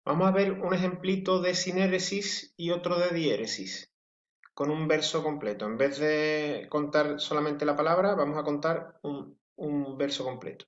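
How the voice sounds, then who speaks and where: A man teaching a lesson in a fairly high voice, walking through each point step by step and counting syllables out slowly. He keeps checking that his listeners follow along. The room around him is echoey. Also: steady tone, dull audio. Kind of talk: classroom lesson.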